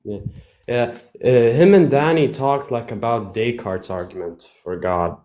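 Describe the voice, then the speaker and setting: A man's voice: mid-range voice, a little slow, warm tone. A young Bosnian man, a non-native speaker, chatting casually as a livestream guest, hesitant and full of fillers and restarts. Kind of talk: casual chat.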